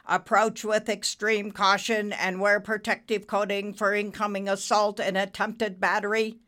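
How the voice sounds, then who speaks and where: A woman's voice: medium pitch, little pitch movement, a little slow, a bit bright, natural voice. Woman doing a stiff robotic announcer voice. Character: flat robotic voice reading a protocol.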